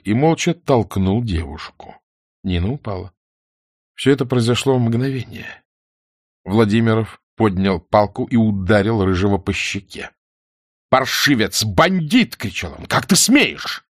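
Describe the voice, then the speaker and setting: Expressive male audiobook narrator, low voice. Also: dry recording, clean studio sound.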